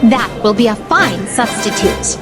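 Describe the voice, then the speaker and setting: A woman's voice: mid-range voice, lively intonation, measured pace, music in the background, close to an everyday voice. A woman voicing a poised, curious and naive otherworldly attendant in a video game, speaking in formal, flowery and overly polite phrases. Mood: politely fascinated. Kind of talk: scripted video game dialogue.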